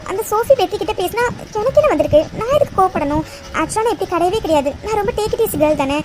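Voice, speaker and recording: A woman voicing Maha, a jealous young woman who keeps telling herself to stay calm, fretting aloud in a cartoon. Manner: frets aloud to herself, fast and high. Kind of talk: Tamil cartoon voice acting.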